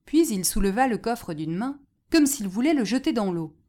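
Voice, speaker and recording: A woman narrating a fairy tale in an expressive storytelling manner. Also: a little high, moderate pace.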